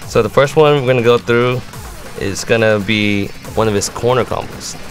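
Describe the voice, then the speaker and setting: Over background music, a man explains fighting game moves one step at a time as a competitive player would. His voice sits at a medium pitch and he talks at a normal speed.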